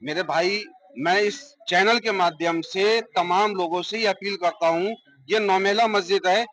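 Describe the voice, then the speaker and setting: A man's voice: high-pitched, a bit bright, low-quality recording. Earnest man speaking outside a mosque. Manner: earnest, measured, appealing. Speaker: worshipper interviewed. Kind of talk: street interview statement.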